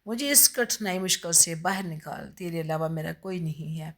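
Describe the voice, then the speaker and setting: A woman voicing a gentle, devout young mother who speaks softly and coaxingly. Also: on the low side. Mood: pleading prayer. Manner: soft, pleading, coaxing.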